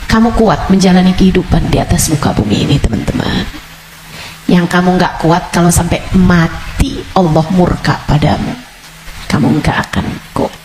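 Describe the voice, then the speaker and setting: A woman's voice: lowish voice, moderate pace, darkish tone, echoey room, slight background noise, low-quality recording. A woman preacher, giving a sermon with emphatic, repetitive exhortation. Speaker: Islamic preacher. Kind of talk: religious sermon.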